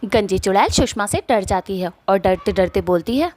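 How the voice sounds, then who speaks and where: A woman narrating a cartoon story in a plain, steady storytelling manner. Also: medium pitch, moderate pace.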